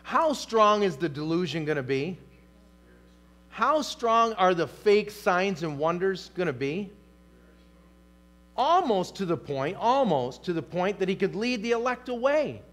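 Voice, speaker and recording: High-voiced emphatic preacher man. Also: sing-song, measured pace, fairly bright tone. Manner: emphatic, repeats lines and questions the congregation. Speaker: pastor. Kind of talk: sermon. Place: church sanctuary.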